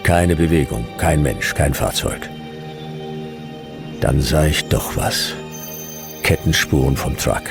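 A hard-boiled, laconic male private eye narrates a sci-fi radio play set in a desert, voicing the lead role in first-person noir style with a full character voice. His voice is extremely low and gravelly, slow, with clipped deadpan phrases and a terse, brooding mood, while music plays in the background.

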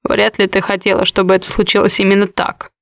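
A woman reading the lines of a brooding, harsh young man in an audiobook, in a low, curt, growling voice. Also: monotone, fast, vocal fry, no room sound, clean studio sound, close to an everyday voice. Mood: grim.

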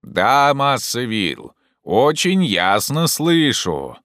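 A man voicing a simple, cautious male servant who calls out in a slow, drawn-out way. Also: mid-range voice, sing-song, sharp tone, dry recording, studio quality, pitched above the performer's own voice, full character voice. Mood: calling out.

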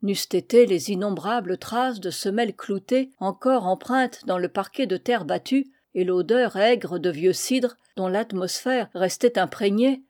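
Woman reading a story, dark mellow tone. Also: mid-range voice, no echo, studio quality. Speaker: audiobook reader. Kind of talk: storybook narration.

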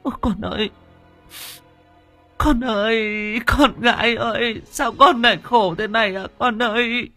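A man's voice: sits high, very animated, normal speed, gravelly, slightly rough, faint music behind, pitched above the performer's own voice, exaggerated voice. A man voicing an elderly village mother who pleads tearfully for news of her lost daughter. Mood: wailing.

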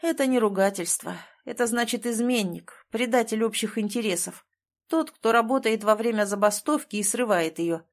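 A woman's voice: on the high side, moderate pace, close to an everyday voice. A woman reading the lines of a stubborn, bitter man who speaks curtly. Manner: curt, bitter.

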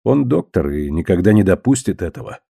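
Audiobook character: a soft-spoken, ironic man, read by a male narrator, low, dry. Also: sing-song, a little fast, creaky, slightly rough, no echo, full character voice. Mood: calm. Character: calm ironic man, gentle, quietly menacing.

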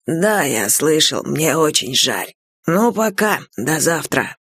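A woman voicing a tall, easygoing small-town sheriff who talks in a relaxed, joking way, pitched lower. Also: slow pace, breathy edge, dry recording, heavily acted.

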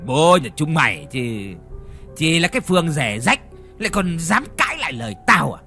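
A man's voice: fairly high pitch, very animated, normal speed, sharp tone, faint music behind, exaggerated voice. A man voicing a cruel, drunken young master who snarls threats and insults. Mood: contemptuous.

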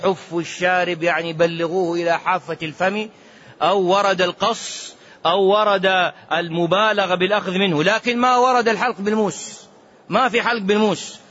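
High-voiced man preaching in a lo-fi recording. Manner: animated, swings from loud emphasis to low muttering asides; chants quoted hadith in a drawn-out sing-song. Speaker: Islamic scholar giving fatwas. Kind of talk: religious lecture. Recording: dull lo-fi lecture recording.

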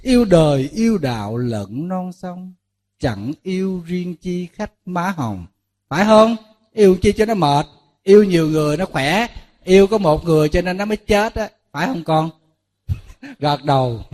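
Monk giving a sermon, kinda high voice, acts out little dialogues, keeps asking the crowd questions. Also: male voice, moderate pace. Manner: lively storytelling, acting out dialogues with listeners; rhetorical questions to the audience. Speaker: Buddhist monk giving a dharma talk. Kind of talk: sermon to a lay audience.

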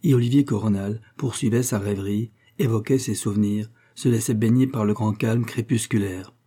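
Male narrator, audiobook, husky, dark mellow voice, measured. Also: lowish voice, fairly even intonation. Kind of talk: scripted narration.

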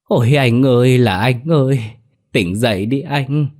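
A man's voice: a little mellow, close to an everyday voice. A man voicing a wailing, cowardly grown man. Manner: wailing, high and fast. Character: whiny middle-aged man, cowardly and tearful.

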